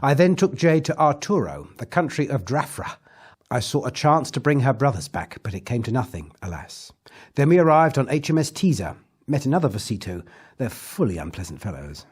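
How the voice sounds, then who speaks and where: A man playing an eccentric time-travelling adventurer in an audio drama recap, with a husky voice and whimsical, old-fashioned theatrical diction. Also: medium pitch, sing-song, fairly quick. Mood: reflective, storytelling.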